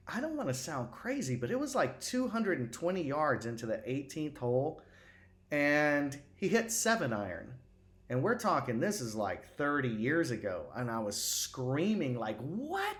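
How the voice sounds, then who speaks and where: A middle-aged man who works as a golf instructor, giving excited swing-analysis commentary over video, rambling with many fillers and restarts. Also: mid-range voice.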